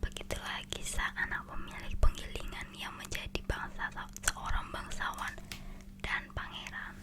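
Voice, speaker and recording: An ASMR storyteller with an Indonesian accent reads fairy tales from the page. The voice stays in an unvoiced whisper throughout. The reading is a little halting, with words sometimes restarted and corrected.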